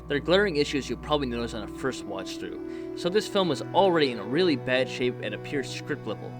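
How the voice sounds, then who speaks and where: A man narrating a scripted film review voice-over in a brisk, wry manner, rattling off critical questions. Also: medium pitch, very animated. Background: background music.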